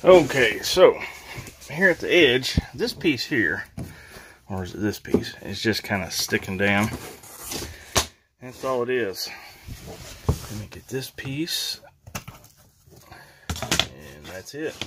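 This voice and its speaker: A man's voice: lowish voice, big pitch swings, slow pace, pauses often, heavy background noise. A man hosting a casual home renovation vlog, chatting informally while showing tools and work. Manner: chatty, informal, laughs at own jokes. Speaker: channel host, DIY renovator. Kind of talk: casual DIY vlog narration. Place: mobile home and workbench indoors.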